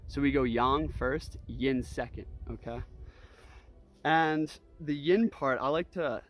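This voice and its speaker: A man with a mid-pitched voice leads a breathwork lesson. He talks casually and loosely, checking in as he goes. He gives repeated, simple cues like an informal instructor demonstrating a practice. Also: slow pace, faint music behind. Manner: easygoing, loose phrasing peppered with "you know", "like" and "right?"; guiding with repeated imperative cues.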